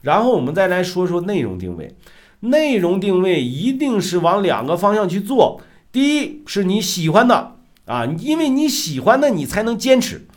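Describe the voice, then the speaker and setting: Middle-aged male host, casual lecture, animated rising and falling delivery, conversational. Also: sits high, moderate pace. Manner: lively, emphatic, rhetorical questions. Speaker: self-media coach, show host. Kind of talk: casual talk-show lecture.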